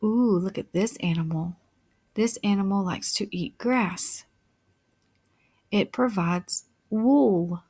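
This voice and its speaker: Very slow-talking woman teaching little children. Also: mid-range voice, darkish tone, husky. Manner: simple, patient questioning with repeated words and sounded-out letters; encouraging praise. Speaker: early-years teacher. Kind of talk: phonics lesson for young children, like reading to a toddler.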